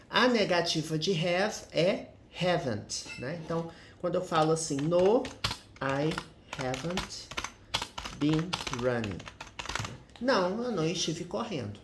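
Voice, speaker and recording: A male English teacher walks through grammar in a slow, unhurried way. He explains methodically and keeps checking in with short tag questions. His voice carries a roomy echo. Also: on the high side, a little hiss or hum.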